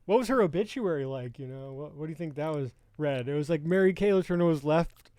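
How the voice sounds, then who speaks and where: A man's voice: a little high, animated, fast, a little mellow, clear, resonant tone, no room sound. A man co-hosting a comedy podcast, trading jokes and laughing through casual banter. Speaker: podcast co-host.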